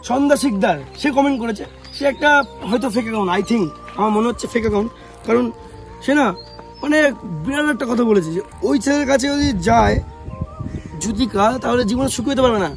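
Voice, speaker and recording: High-voiced young man answering critics. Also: fairly quick, creaky, soft background music. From West Bengal, India. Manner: defensive, rhetorical questions, calls viewers bhai. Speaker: vlogger. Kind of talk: casual talk to camera answering comments.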